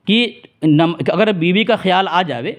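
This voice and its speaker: A man with a notably high-pitched voice argues a theological point over a phone call. He is insistent and keeps pushing for a direct answer, addressing his opponent with formal courtesy all the while. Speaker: religious debater. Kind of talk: theological debate.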